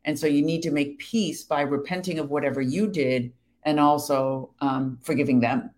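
A woman in casual faith talk, earnestly explaining and reading scripture verses slowly. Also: sits low, steady tone, a little mellow.

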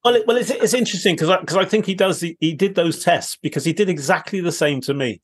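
A man hosting an interview, telling lively anecdotes and mimicking voices. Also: high voice, fast. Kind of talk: casual chat.

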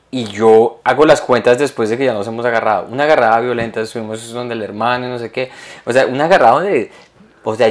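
A young man co-hosting a casual comedy podcast, teasing and wry, who often chimes in to agree. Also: mid-range voice. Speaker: podcast co-host.

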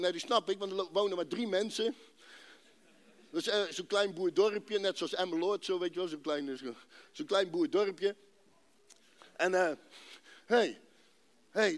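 A man from Rotterdam giving an emotional personal faith testimony to a congregation, telling his story dramatically and emphatically, with drawn-out pauses. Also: high-pitched, animated, a bit bright. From Netherlands, Rotterdam.

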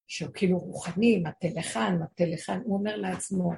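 Gravelly-voiced woman teaching a religious lesson. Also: on the low side, dark tone. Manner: explains with frequent rhetorical questions to listeners; acts out quoted voices in her teaching. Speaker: spiritual teacher.

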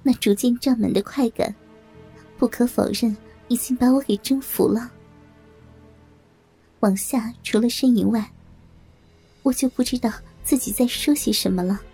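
A woman narrating a first-person audio story, her voice breathy, trembling and pleading. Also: on the high side, moderate pace, pauses often, dark tone, soft background music.

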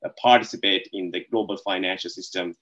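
A man's voice: deep voice, fairly even intonation, fairly quick, a bit bright, highs cut off. A man from Sri Lanka, chatting casually as an interview guest and rambling with lots of "like, you know".

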